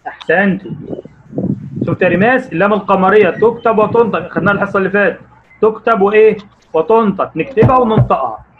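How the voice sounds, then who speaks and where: Man, Egyptian Arabic accent, primary school teacher, online class, quizzing pupils by name, fast talker, dull online call audio. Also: sits high, background noise. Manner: encouraging, quizzing pupils by name, drawing words out slowly.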